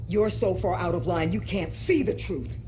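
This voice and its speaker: A woman's voice: on the low side, normal speed, a little hiss or hum, natural voice. A woman playing a cold, imperious agency director in a video game, commanding and clipped. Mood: cold menace. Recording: loud music behind the voice.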